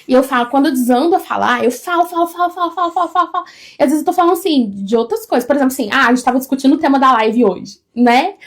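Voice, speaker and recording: A woman, co-hosting a casual live stream from home, talking loudly and expressively. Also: sits high. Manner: loud, expressive and fast-flowing.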